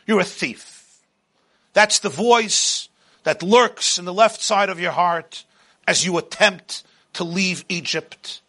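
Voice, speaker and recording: A man giving a motivational sermon as a religious speaker, with dramatic, emphatic phrasing and deliberate repetition. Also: high-pitched, pushed and bright.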